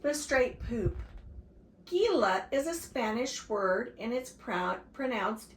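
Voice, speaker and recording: An older woman reading a picture book to her grandchildren, stopping for animated asides to young listeners. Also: a little high, slow pace. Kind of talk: read-aloud story time. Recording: roomy echo, faint background hiss.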